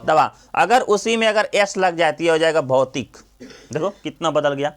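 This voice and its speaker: A man's voice: a little high, lively intonation, moderate pace. A male coaching teacher giving a classroom grammar lesson, drilling students with repeated questions and then answering them himself.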